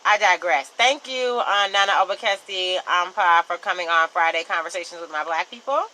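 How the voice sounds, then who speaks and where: Young Southern woman host, fast and lively, bright voice, light background hiss. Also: on the low side, low-quality recording. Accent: Southern American. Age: young adult. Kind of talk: casual interview.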